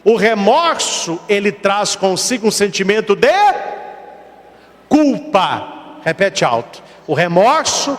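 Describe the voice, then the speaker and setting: A man with a high, very lively voice preaches a sermon as a priest. He tells stories, acts out short exchanges and asks rhetorical questions. His voice rings out with a long hall reverb. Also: slow pace. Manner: storytelling with acted dialogue and rhetorical questions.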